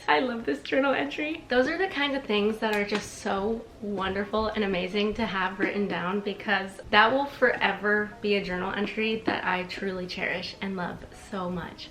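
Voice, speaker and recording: A woman in her twenties reading old diary entries aloud in a casual, expressive, gushing way, reacting as she goes. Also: medium pitch, moderate pace, few pauses. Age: 20s. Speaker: vlogger. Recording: echoey room.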